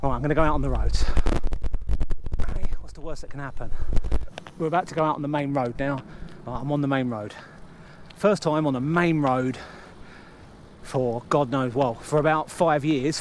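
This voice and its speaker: A man's voice: mid-range voice, moderate pace, a little hiss or hum. Chatty, self-mocking man vlogging. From England. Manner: chatty, self-mocking, talks to himself while fumbling. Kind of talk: casual self-filmed vlog commentary. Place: garage, then outdoors cycling on roads. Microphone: action camera mounted on bike and chest.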